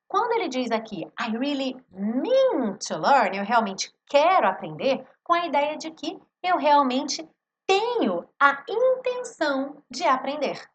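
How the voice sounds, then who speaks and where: Streaming live from her home studio, a woman with a fairly high-pitched voice teaches an English lesson. She explains song lyrics and slows down to read English phrases with emphasis.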